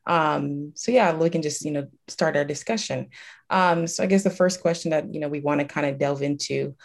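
Woman podcast host, vocal fry, casual and hesitant, lots of fillers. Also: deep voice, normal speed. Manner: hesitant, many fillers like "you know".

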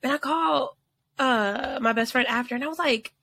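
Woman podcast co-host, bright higher voice, dry sound, chatty and scattered storyteller. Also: brisk, no echo. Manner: rambling storytelling with many likes and restarts, laughing. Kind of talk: casual chat.

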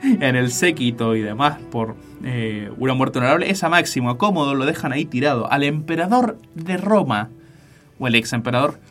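Host rioplatense hablando de una peli, muy entusiasmado, tono medio, musiquita bajita atrás. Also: male voice, mid-range voice, a bit bright. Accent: Rioplatense Spanish. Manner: enthusiastic, with frequent fillers. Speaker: show host. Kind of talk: casual film commentary.

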